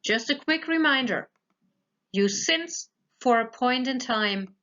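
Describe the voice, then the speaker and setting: In a slightly dull, lo-fi voice-over, a woman with a high, somewhat bright voice teaches schoolchildren English grammar. Her intonation is lively and her pace slow as she explains each step patiently, regularly pausing to ask "okay?".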